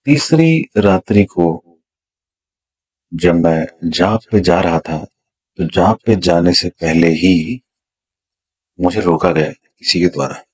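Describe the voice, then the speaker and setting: A man, a spiritual teacher, slowly and dramatically telling of his own spiritual experience, repeating words to build suspense. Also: low-pitched, darkish tone, breathy edge. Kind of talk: storytelling a personal spiritual experience.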